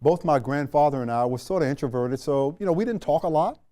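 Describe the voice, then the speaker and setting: An older man from Washington, D.C., a retired general, telling stories in a sit-down interview. He speaks in a measured, unhurried way, with frequent restarts and fillers. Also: on the high side, lively intonation, mellow. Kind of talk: reflective storytelling in a sit-down interview.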